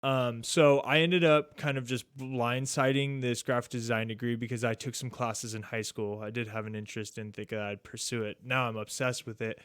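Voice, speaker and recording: A laid-back podcast host in his thirties rambles through casual chat, sprinkling "like" and "dude" between thoughts with few pauses. His smooth, resonant voice sits at a middle pitch and moves at a moderate pace. The sound is close and dry, with no echo or room around it.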